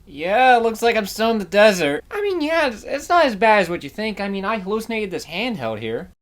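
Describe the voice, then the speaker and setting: A man's voice: high voice, sing-song, a little fast, fairly bright tone, voice pushed up. A man playing a sarcastic guy stranded in the desert. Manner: dry, sarcastic quips. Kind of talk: comedic skit.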